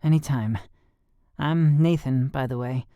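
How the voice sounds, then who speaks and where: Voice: mid-range voice, measured pace, clear, resonant tone, dry recording, highs cut off, close to an everyday voice. An audiobook narrator voicing a laid-back fifteen-year-old boy with a casual, wisecracking manner. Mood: easygoing.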